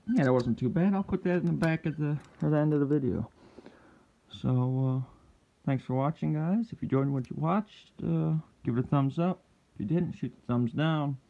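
A man's voice: medium pitch, muffled recording, slight background noise. A man hosting his own hobby channel, talking casually and half to himself as he works through a task step by step, with an occasional frustrated outburst. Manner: muttering to himself while working, with sudden frustrated yells. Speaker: lockpicking hobbyist channel host. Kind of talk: casual hands-on commentary.

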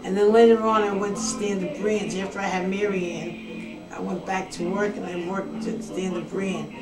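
A woman's voice: medium pitch, little pitch movement, moderate pace. An older grandmother in a family home-video interview, talking in an earnest, sentimental, rambling way, heard on an old VHS tape. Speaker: grandmother interviewed by her son. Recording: echoey, distant camcorder mic with music behind.

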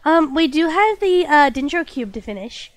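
A young woman chats casually with her stream viewers. She's stuffy-nosed with a lingering cough, bubbly and apologetic, and uses lots of fillers. Her voice sits high with lively intonation at a moderate pace, and there's no room sound.

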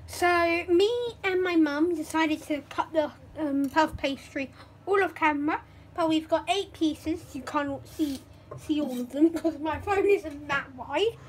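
A woman's voice: high voice, measured pace, slight background noise. A young woman chatting through a casual cooking vlog at home, rambling and correcting herself as she goes. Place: home kitchen.

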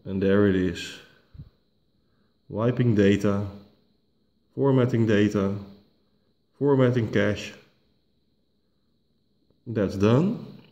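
A tech tutorial host, a non-native English speaker whose accent suggests Dutch, slowly walks through a tablet reset step by step on screen, with lots of "uh" fillers, restarts and self-corrections. His voice is lowish and mellow, recorded on a camera mic indoors in his home dining room.

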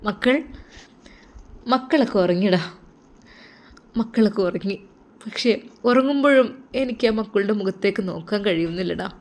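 Grieving storybook father, crying and pleading, middle-pitched, acted by a woman. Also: moderate pace, pauses often, lightly acted. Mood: tearful. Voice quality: sorrowful, pleading. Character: grieving adult man, abandoned father, tearful. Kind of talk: storybook narration.

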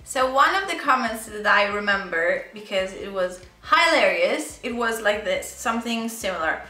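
A woman's voice: medium pitch, animated, a little slow, sharp tone, soft background music. A young Italian woman vlogging casually in English with an Italian accent, playful and giggly, stumbling and repeating words as she tries them out. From Italy. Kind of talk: casual language-challenge vlog. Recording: echoey room.

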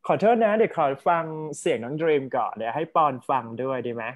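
A man's voice: medium pitch, expressive, fairly quick. A man teaching an online speaking class, talking in a chatty, encouraging way and switching between Thai and English.

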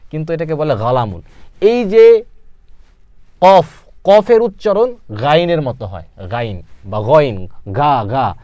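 A man's voice: fairly high pitch, a little mellow, no echo. A man teaching an Arabic lesson, repeating each word and asking then answering his own questions. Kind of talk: spoken language lesson.

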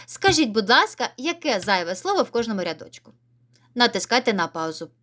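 A woman's voice: fairly high pitch, big pitch swings, fairly quick, bright, forceful tone. A woman teaching a video reading lesson to young children, encouraging them and stretching out key words. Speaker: primary school teacher. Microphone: camera set up by herself.

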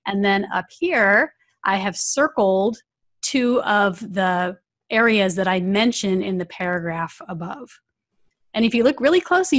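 A woman's voice: medium pitch, a bit bright. A woman hosting a webinar, talking through a screen recording walkthrough and prompting her audience with questions. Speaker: webinar host and trainer.

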